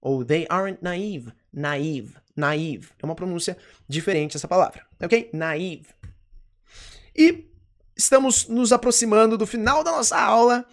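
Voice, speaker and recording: Brazilian english teacher going real slow, repeats every word, keeps asking "ok?". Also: mid-range voice, fairly bright tone. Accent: Brazilian Portuguese. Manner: slow, repetitive drilling with frequent "ok?" checks. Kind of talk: recorded English lesson.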